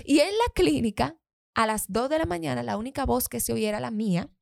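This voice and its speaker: A woman's voice: fairly high pitch, a little fast, creaky, dry recording, studio quality. A woman co-hosting a chat show, telling stories dramatically and acting out the voices in them. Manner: dramatic, acts out voices and shouts in her stories. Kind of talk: animated storytelling chat.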